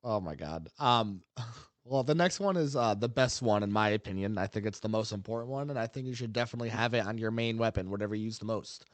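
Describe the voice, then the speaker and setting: A man co-hosts a casual podcast about a game, rambling along with frequent ums and uhs and laughing easily. He talks fast in a lowish voice, with no echo.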